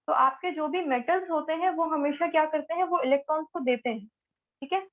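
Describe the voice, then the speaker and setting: A woman with a high voice teaches a chemistry lesson, patiently repeating the key terms slowly. Her audio is thin and tinny, like a phone line. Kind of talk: explaining a lesson in Hindi with English terms.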